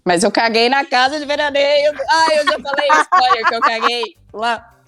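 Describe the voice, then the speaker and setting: Animated young woman telling a story. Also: high-pitched, moderate pace, no echo. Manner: animated, acts out her own past lines. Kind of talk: casual comic storytelling.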